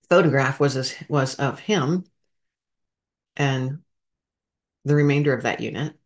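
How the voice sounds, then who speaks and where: A woman's voice: extremely low pitch, slow pace, pauses often. A woman, a veteran hosting a podcast, telling an emotional story in a heartfelt, rambling way and talking straight to her listeners.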